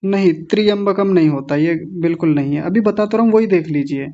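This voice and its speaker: Male pronunciation teacher, high voice, very deliberate, lo-fi online class audio. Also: mellow. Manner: slow, drawn-out syllable-by-syllable chanting demonstrations; corrective and patient, repeating sounds.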